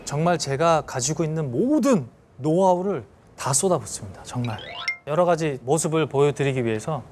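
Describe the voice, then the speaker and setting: A man in his thirties giving a storytelling lecture to an audience, lively and acting out scenes with sound effects. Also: a little high, normal speed, soft background music. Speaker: celebrity lecturer.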